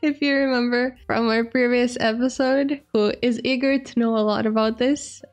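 Woman podcast host, slightly high voice, cheerful, laughs often, leads with questions. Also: steady tone, normal speed. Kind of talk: casual podcast chat.

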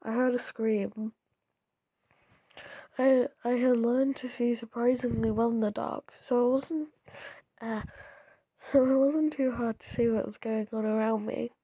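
Young woman, slightly hoarse and mellow, reading a story aloud and reacting chattily between lines. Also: a little high, fairly even intonation, unhurried, long pauses, no echo. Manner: chatty, giggly, stumbling restarts. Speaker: YouTuber reading stories.

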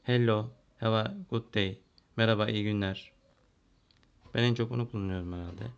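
A man's voice: fairly low pitch, steady tone, normal speed, clear, resonant tone. A man from Turkey working as a primary school English teacher, walking through a lesson, translating and thinking aloud with fillers. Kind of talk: classroom lesson walkthrough. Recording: dull lo-fi recording.

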